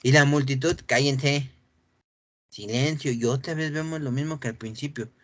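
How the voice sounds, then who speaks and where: Animated preacher, dry sound. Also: male voice, medium pitch, fast talker, dry recording. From Mexico. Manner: animated, acts out voices from the scripture reading; clears his throat often. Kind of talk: sermon.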